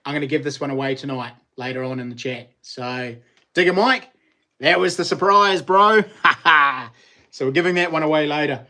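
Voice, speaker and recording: A man's voice: fairly high pitch, normal speed, bright, forceful tone. A man with a broad New Zealand accent hosting a casual live chat, talking to viewers in matey Kiwi slang. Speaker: live stream host.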